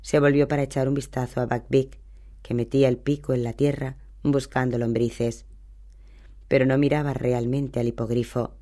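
Man, audiobook narrator, steady scripted reading, dark mellow voice. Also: medium pitch, moderate pace.

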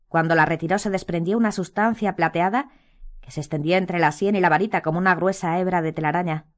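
A woman narrating a fantasy novel as an audiobook, in a steady storytelling manner. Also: on the low side. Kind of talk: scripted narration.

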